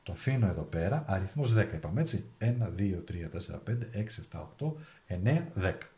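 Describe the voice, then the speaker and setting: Lively-voiced Greek man reading tarot. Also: low voice, roomy sound. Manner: thinks aloud while drawing and reading cards, with restarts. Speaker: tarot reader. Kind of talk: monthly tarot and zodiac forecast.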